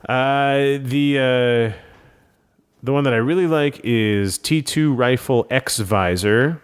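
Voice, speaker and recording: Clear-voiced man co-hosting a game podcast. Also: mid-range voice. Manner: enthusiastic, analytical, many "uh" pauses. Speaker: podcast co-host. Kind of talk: casual tabletop game chat.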